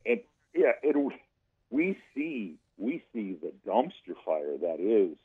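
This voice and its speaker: A man talking casually about politics on the radio, haltingly, repeating himself as he thinks aloud. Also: lowish voice, big pitch swings, husky. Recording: dull, muffled radio sound.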